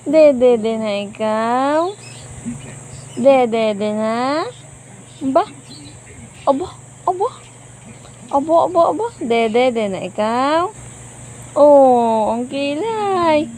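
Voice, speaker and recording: A woman's voice: high-pitched, expressive, slow, long pauses, darkish tone, slight background noise. A woman with a Filipino accent talking to a baby in playful, sing-song baby talk, repeating short questions and nonsense syllables. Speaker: parent or carer of a baby.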